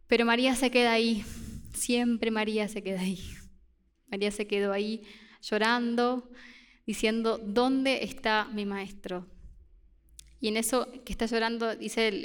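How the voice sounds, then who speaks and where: Woman preacher, smooth and resonant, somewhat high, reflective sermon delivery. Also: fairly bright tone. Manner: reflective, paraphrasing scripture with frequent restarts.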